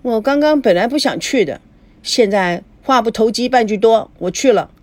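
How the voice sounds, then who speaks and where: A woman's voice: a little high, lively intonation, normal speed, dry recording, voice pushed up, lightly acted. Woman doing a willful, curt young daughter.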